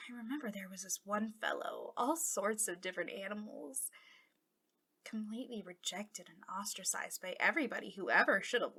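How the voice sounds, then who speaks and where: Voicing a bitter, taunting fallen hero turned villain in ASMR roleplay, a woman speaks breathily, often in whispers, with a mocking drawl that feels conspiratorial. She has a medium pitch and a sharp tone, sounding bitter and aggrieved.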